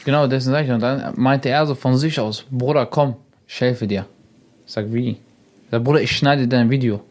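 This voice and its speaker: Young man, casual storytelling, animated, quoted voices. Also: medium pitch, fairly quick. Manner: animated, acts out quoted dialogue. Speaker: YouTuber and radio guest.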